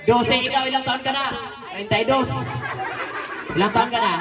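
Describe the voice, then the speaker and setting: A woman hosting a birthday party game, playfully calling out loud commands to the players. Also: on the high side, fairly even intonation, moderate pace, over music. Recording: echoey room, far from the mic. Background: noisy crowd of guests.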